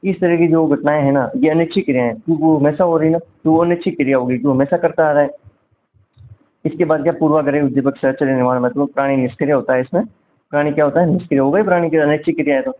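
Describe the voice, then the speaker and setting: A man's voice: a little high, quick pace, a little hiss or hum. A man giving a revision lecture for exam prep, asking quiz questions and answering them himself. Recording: tinny phone-like audio.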